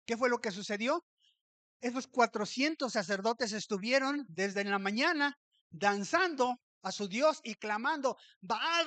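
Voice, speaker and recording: A man's voice: very high-pitched, a bit bright. A male pastor preaches a sermon, telling it like a story and giving each character a voice of its own. He keeps checking in with the congregation as he goes. The sound is dry and close, with little room echo. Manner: storytelling, acting out the characters' lines, often asking "¿verdad?". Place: church.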